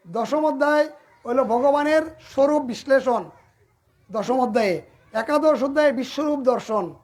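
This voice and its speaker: A Gita preacher gives a devotional sermon to a village gathering. The speaker is humble and apologetic toward the listeners and keeps asking the crowd rhetorical questions. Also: high voice.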